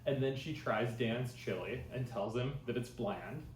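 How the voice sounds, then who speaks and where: A man co-hosting a podcast, casually recapping a sitcom episode in a rambling, animated way full of filler words. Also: medium pitch, unhurried. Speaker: podcast co-host. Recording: echoey room with faint ambient noise.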